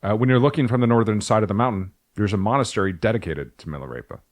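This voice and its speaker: A man's voice: lowish voice, racing. A man co-hosting a podcast, reading from his notes in a casual, jokey way and breaking off for asides. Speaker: podcast co-host.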